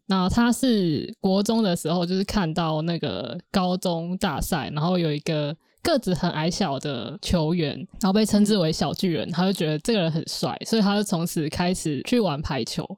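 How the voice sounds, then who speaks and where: A woman, co-hosting a podcast in casual chat. She explains things calmly and persuades gently. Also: fairly low pitch, moderate pace, hardly any pauses, no echo, studio quality. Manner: calm, reasoning, gently persuasive. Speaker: podcast co-host.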